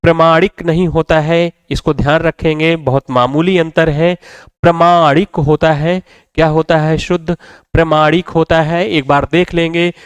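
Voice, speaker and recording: A man teaches spelling in a slightly high, crisp voice, repeating every word and quizzing the class with rhetorical questions. The sound is dry and close, with no room echo. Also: fairly even intonation, moderate pace. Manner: repetitive, drills words and asks rhetorical questions. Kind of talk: classroom lecture.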